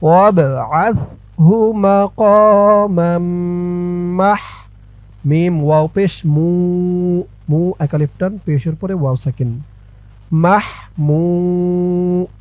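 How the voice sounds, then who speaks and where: High-voiced man slowly spelling out recitation. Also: darkish tone, dry recording, highs cut off. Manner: slow drawn-out spelling and chanting, quick spoken asides. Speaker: Arabic reading teacher. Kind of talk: letter-by-letter recitation lesson.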